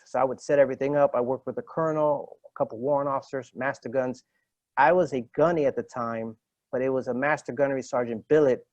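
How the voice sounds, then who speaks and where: Retired marine sergeant telling stories. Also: male voice, medium pitch, no echo, dull audio. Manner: animated storyteller acting out quoted dialogue, frequent fillers and restarts. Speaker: retired Marine master gunnery sergeant, podcast guest. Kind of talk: casual interview storytelling.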